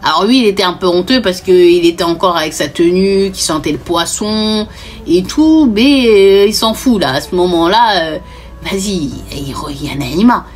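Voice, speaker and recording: A woman's voice: lowish voice, normal speed, soft background music. A woman mixed words, telling a story casually and acting out each character's lines. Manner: animated, acts out dialogue, mixes in Arabic words.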